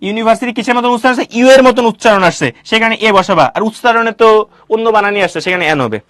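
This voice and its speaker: A male teacher giving a classroom grammar lecture, quizzing students with quick questions and answering them himself. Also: high-pitched, a bit bright, no room sound.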